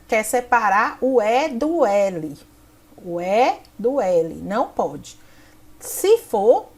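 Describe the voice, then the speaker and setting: A woman teacher from Brazil with a slightly high voice walks young pupils through a workbook. She explains each task patiently, step by step, pointing things out on the page as she goes. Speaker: primary school teacher. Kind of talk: explaining textbook activities to children.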